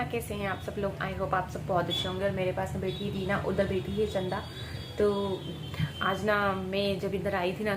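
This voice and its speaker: A young woman, vlogging in a casual, animated way at her workplace, coaxing and teasing a colleague. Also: mid-range voice. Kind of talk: casual vlog chat. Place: workplace room among staff. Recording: echoey room, faint ambient noise.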